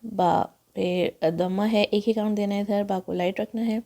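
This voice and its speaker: Woman, Pakistani Urdu accent, tajweed teacher, patient step-by-step explaining, gravelly, warm. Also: medium pitch, fairly even intonation. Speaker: Quran recitation teacher. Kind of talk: tajweed lesson, slow demonstrations.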